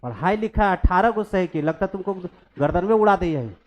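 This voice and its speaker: A man's voice: high voice, animated, brisk. A man, teaching maths in a classroom. He scolds his students bluntly, then talks through calculus steps with English maths terms mixed in. He sounds stern and plain-spoken.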